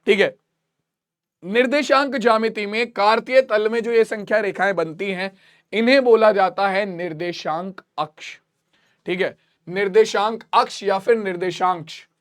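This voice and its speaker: A man's voice: high-pitched, clean tone. A man teaching a math lesson, repeating each point and quizzing his students.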